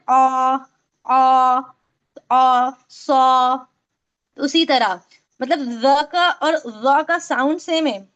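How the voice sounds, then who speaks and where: Over a video call, a female Quran recitation teacher with a high, light voice runs an online class. She patiently explains each point and repeats sounds over and over so students can drill them, and the sound quality is lo-fi.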